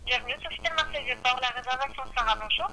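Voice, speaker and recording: A woman's voice: high-pitched, very fast, crowd noise, low-quality recording. A woman working as a hotel receptionist, speaking formally and politely, heard over a landline phone. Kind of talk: phone call.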